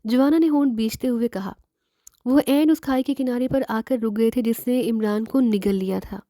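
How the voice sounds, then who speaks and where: A woman's voice: a little high, moderate pace, mellow, no echo, clean studio sound. A woman narrating a dramatic thriller novel in words, reading every character herself. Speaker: audiobook narrator.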